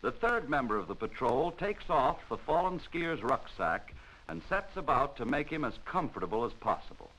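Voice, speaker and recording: This is a vintage-sounding film soundtrack: an American man narrating as if in a 1940s military instructional film. He speaks formally and deliberately, his mid-pitched voice lively in its rises and falls, and the audio is poor.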